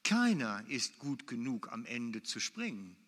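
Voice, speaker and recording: A man's voice: medium pitch, big pitch swings, a little slow, a bit bright. A man preaching a sermon in German, emphatic and repeating his key phrases for weight. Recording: long hall reverb.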